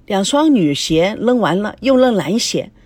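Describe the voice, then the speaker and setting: A woman reading a romance story aloud with expressive narration. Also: mid-range voice, a little slow, no room sound.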